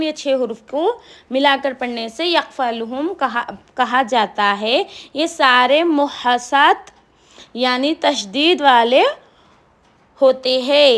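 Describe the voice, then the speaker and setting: A high-pitched woman gives a slow tajweed lesson. She spells out each letter and vowel mark one at a time, patiently and deliberately, pausing between sounds. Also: a bit bright. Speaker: Quran recitation teacher.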